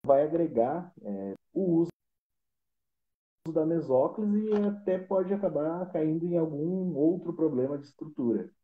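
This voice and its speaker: A man's voice: fairly high pitch, measured pace, a little hiss or hum. A man, a Portuguese teacher patiently explaining grammar rules step by step with examples in a casual lesson. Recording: roomy, dull lo-fi live stream audio.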